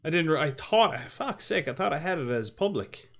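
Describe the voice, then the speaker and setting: A man's voice: fairly high pitch, lively intonation, moderate pace, fairly bright tone. A man livestreaming a game with casual, informal commentary, chatting to viewers in a self-deprecating, sweary way.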